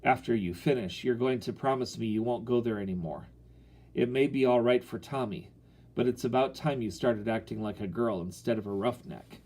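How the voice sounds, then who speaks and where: A man's voice: medium pitch, moderate pace, darkish tone, lightly acted. A man voicing a strict mother who speaks sternly.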